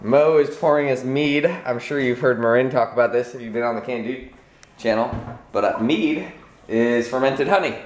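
A man's voice: medium pitch, moderate pace. Chatty man hosting a food vlog. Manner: chatty, laughs often. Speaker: vlog host. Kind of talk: casual chat to camera. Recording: echoey room with faint music.

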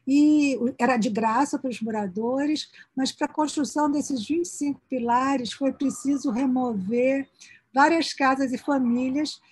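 A woman giving an academic conference presentation over a video call, peppering her sentences with little tag questions and restarting phrases as she rushes to finish in time. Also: sits high, fairly even intonation, a little mellow, slightly rough, no room sound. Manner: sprinkles "né" fillers and restarts mid-phrase; hurried toward the end of her time.

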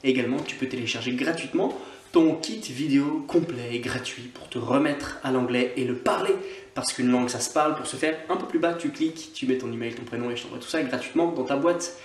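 A man's voice: mid-range voice, fairly quick, roomy sound, a little hiss or hum. A man from Scotland, an online English teacher, giving a chatty video lesson and drilling words by repetition. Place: on holiday, away from usual setting.

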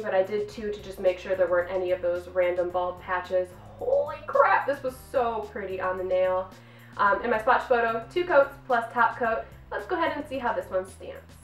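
A woman in her thirties reviewing nail polish on her vlog, bubbly and gushing, filmed in a room at home. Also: medium pitch. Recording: roomy, distant mic, faint music.

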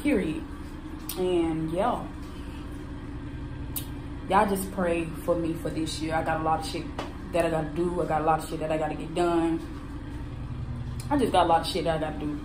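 Speaking with a deep, steady voice at a moderate pace and with long pauses, this woman in her thirties vlogs to her phone, held near at arm's length, in a car and a hotel bathroom. Her chat is casual, blunt and full of profanity, and she keeps repeating herself. Roomy sound and background noise fill the clip.

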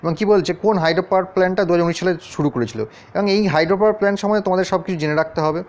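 A man's voice: sits high, rapid-fire, a little mellow. Man teaching exam prep over a map. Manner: addresses students directly, often checks in with questions. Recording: dull, lo-fi sound.

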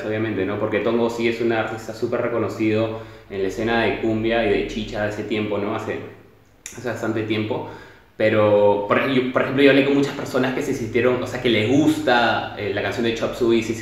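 A man, explaining himself casually and apologetically, with many fillers. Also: on the low side. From Peru. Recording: very echoey room.

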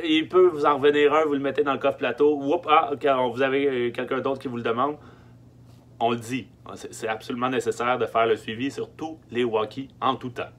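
A Quebecois man in his thirties, a film production logistics technician, gives informal tips in a Quebec French accent at medium pitch with fairly even intonation. He speaks through a face mask, emphasizing and repeating key words, with hesitant pauses. The clip, recorded in a small wooden-lined storage truck, has faint hum and background noise.

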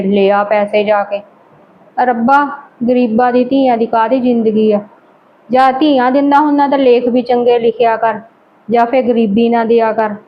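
This is a poor wife who pleads and protests against her husband in an amateur family drama, played by a woman. Her voice is fairly high and she sounds plaintive. The recording is dull and lo-fi. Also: close to an everyday voice. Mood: lamenting.

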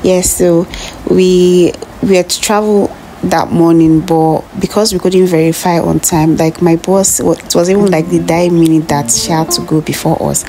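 A woman's voice: lowish voice, steady tone, normal speed. A Nigerian woman in her twenties chatting through a casual vlog voice-over, confiding and full of little fillers. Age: 20s. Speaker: vlogger. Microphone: phone or recorder voice-over. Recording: voice-over with loud music behind.

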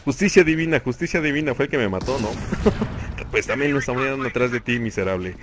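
A young man with a Mexican Spanish accent giving excitable play-by-play commentary on a shooter game, talking to himself and laughing often. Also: mid-range voice, a little fast. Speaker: gaming channel host. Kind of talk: live gameplay commentary. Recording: noisy game audio behind voice. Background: gunfire and game sounds.

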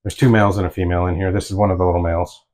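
A man who keeps animals on his farm explains things casually outdoors in a plain, matter-of-fact way. His voice is low and a little mellow, delivered flat and racing, with no room sound.

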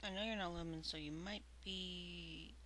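A woman's voice: fairly low pitch, fast, a bit bright, a little hiss or hum. A young woman giving casual gaming commentary while reacting with disgust to eating gross jelly beans. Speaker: gamer doing a candy challenge. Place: small home room.

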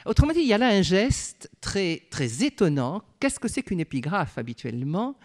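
A woman's voice: fairly low pitch, sing-song, a little mellow. Woman lecturing thoughtfully on poetry. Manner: measured, thoughtful, pauses often with fillers while explaining; recites poetry aloud in a slow, lyrical way. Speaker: literature lecturer. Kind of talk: university lecture.

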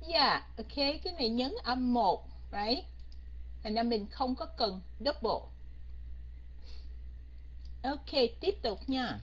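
A woman teaches an online English grammar class, quizzing her students again and again. Her voice sits a little high and has a husky edge. The lo-fi recording sounds dull and muffled. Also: animated, takes it slowly, long pauses. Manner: coaxing, keeps quizzing students, mixes in English.

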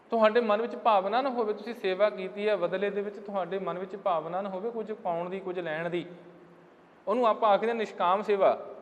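High-voiced man preaching in a reverberant hall. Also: muffled recording. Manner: slowly sings quoted scripture lines; addresses listeners as dear ones of the Guru. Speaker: Sikh preacher giving katha. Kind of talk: sermon explaining scripture lines.

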